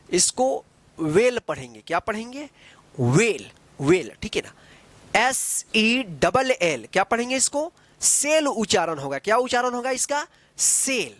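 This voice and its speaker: A woman's voice: on the high side, fairly bright tone. A woman teaching English phonics, spelling words letter by letter, asking what they read and repeating each answer. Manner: drills words, repeats and asks the class. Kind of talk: classroom phonics lesson.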